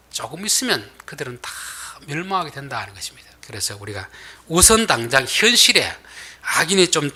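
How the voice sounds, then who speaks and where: A man preaching a sermon as pastor, dramatic, swinging between loud emphatic bursts and soft near-whispers. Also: medium pitch, breathy edge.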